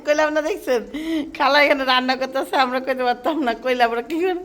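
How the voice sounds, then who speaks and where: Chatty high-voiced woman vlogger. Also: fairly even intonation, a little fast, a bit bright. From Bangladesh. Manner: chatty, folksy, talks to viewers and family as she films. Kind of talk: casual chat to camera.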